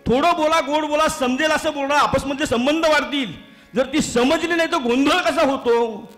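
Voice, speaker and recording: A man's voice: extremely high pitch, normal speed. A man from Maharashtra leading a kirtan, telling funny stories as a sermon, chuckling and speaking straight to his listeners in a temple hall. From Maharashtra, India. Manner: lively storyteller who addresses the audience directly and chuckles at his own jokes. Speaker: kirtan preacher. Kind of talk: humorous storytelling sermon. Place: temple hall, performing live before listeners.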